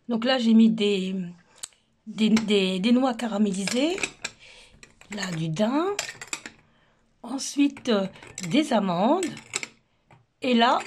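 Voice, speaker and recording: A woman with a hoarse, sore throat, casually talking through her buffet recipes and table decor, hesitating often with fillers. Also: a little high, darkish tone, a little hiss or hum. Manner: chatty, hesitant with many fillers. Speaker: home cooking vlogger. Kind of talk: casual cooking and decor walkthrough.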